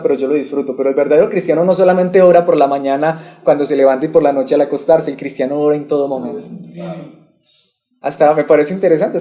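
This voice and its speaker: Preaching man with a mellow, fairly high voice. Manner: asks the congregation questions and waits for replies. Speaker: pastor. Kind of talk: expository sermon.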